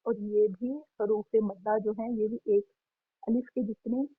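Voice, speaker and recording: A woman teaching a Quran recitation lesson, patiently repeating each point and drawing out sample syllables slowly. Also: medium pitch, little pitch movement, slightly rough, no echo. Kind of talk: online tajweed lesson. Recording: tinny phone-like sound, dry.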